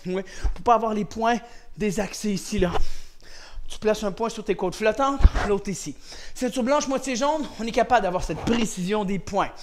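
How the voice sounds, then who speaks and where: A man with a Quebec French accent teaching an online karate class for children, shouting counts and commands with lots of energy. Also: high-pitched, moderate pace, slight background noise. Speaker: karate instructor.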